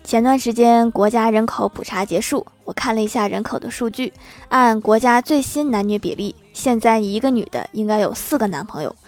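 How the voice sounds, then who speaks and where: A woman's voice: fairly high pitch, a little fast, a little mellow. Perky woman telling funny stories. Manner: playful, wry asides to listeners. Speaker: comedic storyteller. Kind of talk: reading out funny anecdotes.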